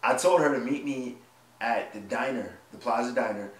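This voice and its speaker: A man's voice: mid-range voice, moderate pace. Joking man in his twenties, echoey room. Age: 20s. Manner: joking, laughs often while telling stories. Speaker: vlog co-host. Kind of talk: casual chat. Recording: echoey room, mic at a distance, faint noise.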